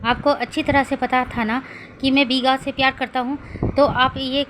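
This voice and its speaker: A woman's voice: sits high, little pitch movement, normal speed, fairly bright tone, a little hiss or hum. A woman voicing an emotional young woman who speaks in agitated exclamations in a read-aloud story.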